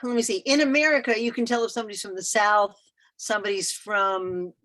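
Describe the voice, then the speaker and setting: A woman's voice: medium pitch, fairly even intonation, a little fast, a bit bright. A woman in the audience asking questions hesitantly on a video call, often stumbling over her words. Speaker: audience member.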